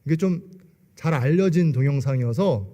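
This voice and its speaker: Speaking at normal speed with lively intonation, a man in his forties delivers a church testimony in a dark-toned voice on the high side. Rhetorical questions to the congregation come often, and the large hall adds a long echo.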